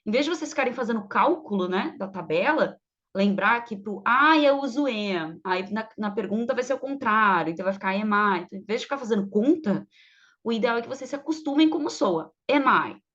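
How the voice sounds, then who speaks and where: A woman's voice: fairly high pitch, lively intonation, a little fast, fairly bright tone, muffled recording. A woman teaching English online, patiently explaining and drilling phrases for students to repeat. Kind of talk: online language lesson.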